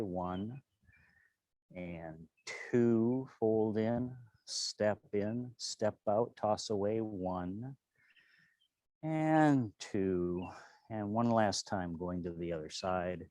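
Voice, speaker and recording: A man with a fairly low voice leads a tai chi tutorial. He gives serene, unhurried cues one movement at a time. The sound is very dry, with next to no room in it. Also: dark tone, no room sound. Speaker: tai chi and qigong instructor.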